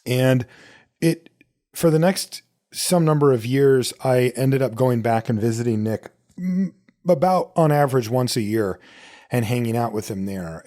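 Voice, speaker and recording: A mellow, mid-range voice marks this middle-aged podcast host from the U.S. He speaks informally on his own, taking listener questions and weaving in personal stories.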